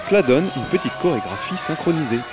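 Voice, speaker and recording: A man narrating a cycling travel story in a calm, scripted way. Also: fairly high pitch, quick pace, a crowd in the background. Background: loud children's music.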